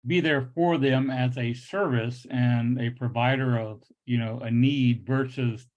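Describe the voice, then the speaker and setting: A man's voice: mid-range voice, fairly even intonation, unhurried, a little mellow. Muffled man in his late fifties, slightly awkward articulation. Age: late 50s. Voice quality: slightly awkward articulation from new full-mouth dental implants. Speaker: liquor store owner addressing a public meeting. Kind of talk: earnest unscripted remarks at a public meeting. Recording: dull, muffled lo-fi meeting audio.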